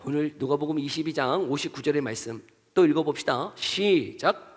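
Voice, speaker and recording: A man's voice: on the high side, normal speed. A man preaching a sermon as pastor, acting out the voices of people in the story and asking the congregation many questions. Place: church sanctuary. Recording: long hall reverb.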